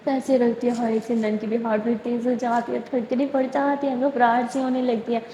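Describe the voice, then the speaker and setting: A woman's voice: on the high side, little pitch movement, warm tone, a little hiss or hum. A woman telling a love story in a casual, chatty way with the filler "نا", recorded in an echoey room. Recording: echoey room with long reverb.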